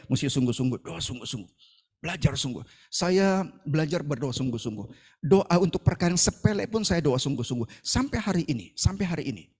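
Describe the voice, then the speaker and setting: A male pastor giving an animated, conversational sermon, often asking the congregation questions. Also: a little high, slightly rough, long reverb tail.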